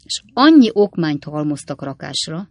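A woman reading a novel aloud in steady, measured scripted narration. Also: deep voice, dry recording, studio quality. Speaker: audiobook narrator.

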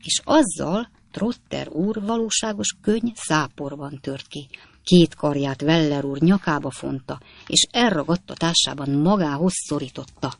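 Gravelly man reading an audiobook. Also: fairly high pitch, no echo. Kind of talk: audiobook narration.

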